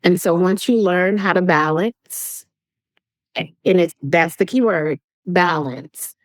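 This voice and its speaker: Animated woman guest in dry close sound. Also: on the low side, slow, no room sound, rough recording. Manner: animated storyteller, acts out quoted voices, laughs often. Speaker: guest, public speaker and coach. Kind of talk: podcast interview conversation.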